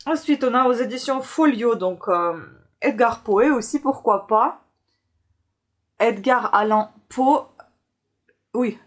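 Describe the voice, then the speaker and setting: A woman talks casually to her viewers as a book vlogger, showing her haul one item at a time. She speaks hesitantly and pauses often on filler sounds, keeping an easy, chatty manner. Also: lowish voice.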